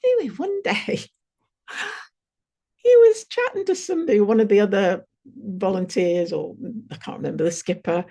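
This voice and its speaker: A woman hosting a retreat webinar, leading a guided visualization and telling a story in an expressive way, sometimes dropping to a near whisper. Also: medium pitch, normal speed. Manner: lively, laughing as she tells a story. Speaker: retreat host presenting a webinar.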